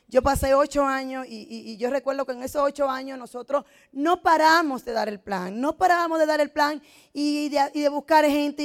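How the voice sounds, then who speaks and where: A middle-aged woman who gives a motivational business testimony and tells her story with emotion and drama. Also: sits high. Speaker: network marketing speaker.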